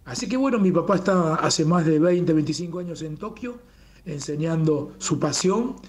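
A Rioplatense man speaks as a guest on a radio interview, his voice sitting a little high. He talks with open enthusiasm and keeps checking in with a rhetorical "¿no?" at the end of his sentences. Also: expressive, moderate pace, a little hiss or hum. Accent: Rioplatense Spanish. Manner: warm, enthusiastic, fond of rhetorical "¿no?". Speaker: guest, communications manager of a Japanese garden.

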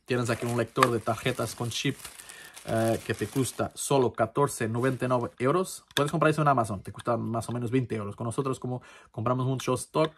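Against some background noise, a man with a steady, medium-pitched voice speaks briskly. He runs a crypto channel and gives a casual, hesitant tutorial to camera in Spanish with a Portuguese accent, Portuguese being his first language, with lots of fillers and restarts.

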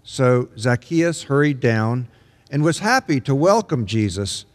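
An older man, an interim pastor, preaching a sermon from the pulpit in a large church sanctuary, measured and earnest with emphatic rises. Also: medium pitch, big pitch swings. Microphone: pulpit microphone. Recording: long reverb of a large sanctuary.

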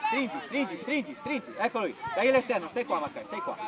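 A man coaches from the sideline of an outdoor football pitch, his voice pushed very high and swinging widely as he fires off short repeated commands. He speaks in slow, clipped bursts. A clear crowd and steady background noise fill the recording.

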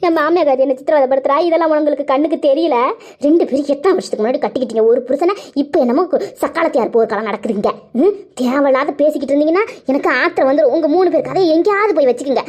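A woman voicing a beaten young wife in a cartoon, shrill and scolding. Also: rapid-fire, darkish tone, close to an everyday voice. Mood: indignant. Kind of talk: cartoon voice acting. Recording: dull lo-fi sound.

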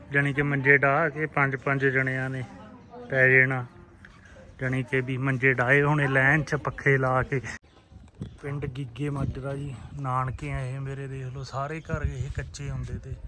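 A man with a Puadhi Punjabi accent gives relaxed, reminiscing narration as he walks and films outdoors in a village on a handheld phone. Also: medium pitch. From Punjab, India. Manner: reminiscing, relaxed, loosely strung phrases. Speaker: vlogger. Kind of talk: casual walking vlog narration. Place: outdoors in a village, on rooftops and lanes.

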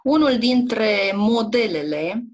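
A woman's voice: on the high side, lively intonation. A woman teacher giving a one-on-one exam prep lesson, explaining patiently and often checking in with her student, with hesitant fillers. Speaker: Romanian language and literature teacher. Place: indoor classroom or tutoring room.

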